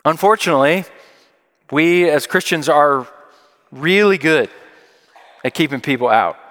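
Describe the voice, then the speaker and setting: Male preacher, slightly high voice, conversational and emphatic, big hall echo. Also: a little slow, a bit bright. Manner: conversational, emphatic, repeats key phrases. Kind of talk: sermon. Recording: long hall reverb.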